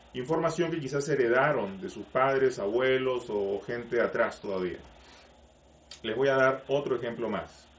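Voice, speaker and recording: A man coaching an online audience in a live stream, explaining patiently and tossing out rhetorical questions. His voice sits at an ordinary pitch. He sounds a little distant from the mic, with noticeable room echo around him. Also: a little hiss or hum. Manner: explanatory, uses rhetorical questions, greets viewers by name. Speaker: life coach and spiritual teacher.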